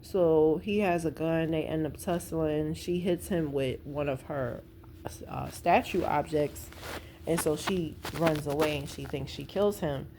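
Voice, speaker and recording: In a rough recording with a little hiss or hum, an American woman speaks in a deep, warm voice, a little slowly. She's a vlogger reviewing a stage play, casually retelling the plot with slang, her own opinions, and acted-out quotes.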